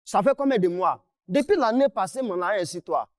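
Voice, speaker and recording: A man's voice: sits high, expressive, brisk, no echo, clean studio sound. A man, confronting the person who owes him money; he talks angrily, insists and cuts in. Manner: angry, insistent, repeats himself, interrupts. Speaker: client in a dispute. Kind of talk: heated confrontation on a mediation show.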